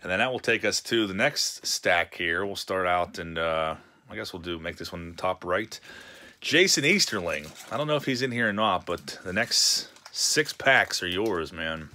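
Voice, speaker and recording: A man's voice: deep voice, expressive, moderate pace, bright, forceful tone. A man, casually chatting with a live-stream chat while opening card packs at a home desk. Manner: chatty, reads chat messages aloud with laughs.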